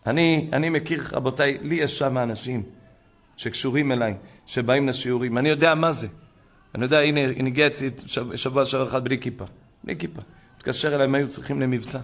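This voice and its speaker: This rabbi's Torah talk to a gathering comes from a man with a medium-pitched, steady voice. His fervent preaching retells conversations and swells into loud exclamations.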